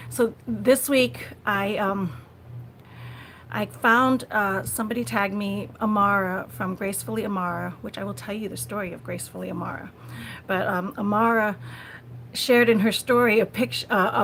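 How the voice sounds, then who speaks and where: A woman with a medium-pitched voice hosts a casual live vlog, talking conversationally to her viewers, often repeating her phrases and letting out frequent small laughs. The livestream was recorded on a phone, and the sound is noisy.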